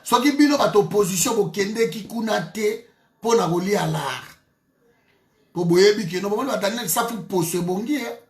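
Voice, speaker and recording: A man's voice: high-pitched, moderate pace, roomy sound. A man from DR Congo, giving a heated political monologue as a commentator, emphatic and repeating his phrases with frequent restarts.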